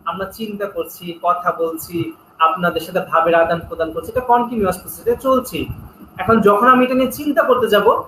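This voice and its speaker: A man's voice: high voice, steady tone, brisk, pushed and bright, roomy sound, slight background noise, poor audio. A man guest speaker on public speaking, earnest and instructive, telling stories in an interview. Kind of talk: interview talk, storytelling.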